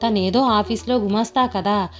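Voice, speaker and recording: A woman's voice: medium pitch, moderate pace, faint music behind, natural voice. A woman voicing a chatty older village mother who complains at length about her son-in-law. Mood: complaining.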